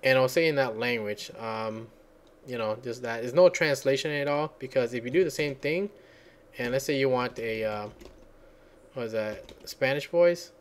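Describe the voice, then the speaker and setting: Casual tutorial host, male, mid pitch, rambling, talks while typing. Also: moderate pace, slight background noise. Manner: rambling, thinks aloud and searches for words. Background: computer keyboard typing.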